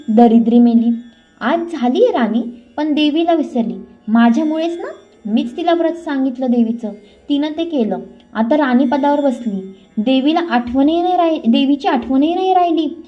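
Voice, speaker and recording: A woman plays a proud old beggar woman, scorned and seething. Her voice is cracked and raised high, and it comes through a dull, lo-fi storybook recording with soft music underneath. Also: expressive, normal speed, lightly acted. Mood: indignant.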